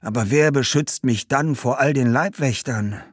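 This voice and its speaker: A man's voice: medium pitch, normal speed, husky, no room sound, clean studio sound, voice pushed up, lightly acted. A man voicing Macrinus's thoughts as a resentful, greedy Roman bodyguard commander. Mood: scheming.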